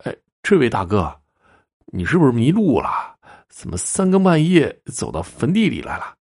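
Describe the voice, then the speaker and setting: A man's voice: medium pitch, wildly swooping pitch, normal speed, a little mellow, pitched above the performer's own voice. A man voicing a fifteen-year-old village boy who talks in a whiny, indignant way. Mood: puzzled.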